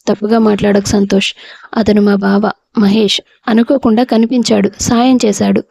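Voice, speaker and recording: A woman's voice: medium pitch, little pitch movement, normal speed, creaky, mellow, no room sound. A woman voicing a hurt young wife and mother who speaks reproachfully. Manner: tearful, reproachful.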